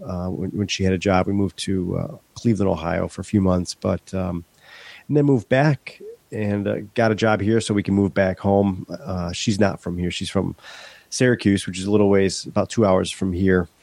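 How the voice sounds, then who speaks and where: A middle-aged man from Western New York, congested from a head cold, chats candidly as a podcast guest in a casual interview, often restarting his sentences. His lowish, darkish voice is steady and moderately paced, and the recording is dry.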